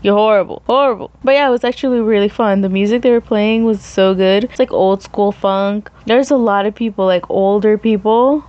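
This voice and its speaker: A woman's voice: medium pitch, moderate pace, few pauses, dry recording. A young woman telling a casual story as a vlogger, chatty and self-mocking, laughing often. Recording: dull lo-fi recording.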